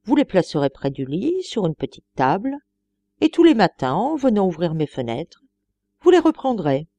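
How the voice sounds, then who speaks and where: Woman reading a coaxing, obsessive old gentleman. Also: medium pitch, very animated, normal speed. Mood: persuasive. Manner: coaxing, repetitive, rising to pleading. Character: fussy elderly gentleman, obsessive and wheedling.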